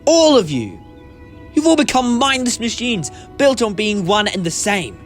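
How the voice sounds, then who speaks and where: Man playing the Doctor, high-voiced and lively. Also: a little slow, faint music behind. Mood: earnest. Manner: theatrical, taunting and speechifying. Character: eccentric, talkative alien time traveller, compassionate hero. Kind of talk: sci-fi audio drama acting.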